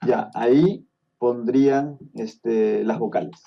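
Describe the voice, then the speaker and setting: A guest expert on Tolkien's languages from Peru, with a Peruvian Spanish accent, explains a topic step by step on a podcast, often checking that his listener is following. He speaks slowly in a gravelly, mid-range voice with fairly even intonation, and the recording sounds muffled.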